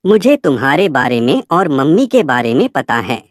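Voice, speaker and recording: A sharp-tongued teenage daughter, voiced by a woman narrator in a spoken story. She speaks bluntly with a scolding edge, and her low voice swings widely in pitch. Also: sing-song, normal speed, no echo, studio quality.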